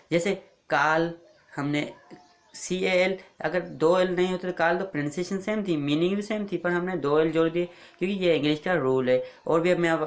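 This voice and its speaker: A man teaching spelling rules in a spoken lesson, repeating each rule and asking and answering his own questions. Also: fairly high pitch. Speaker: English teacher.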